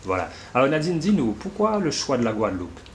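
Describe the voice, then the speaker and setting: A man's voice: mid-range voice, sing-song, a little fast, slight background noise. A man interviewing a guest, prompting her in a friendly, casual way and tagging his questions with short fillers.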